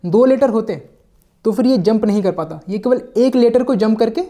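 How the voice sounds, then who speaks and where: A man's voice: high-pitched, normal speed, mellow. A male teacher explaining an English vocabulary lesson step by step. He often checks in with his listeners, mixes English words into his sentences, and sometimes corrects himself mid-word.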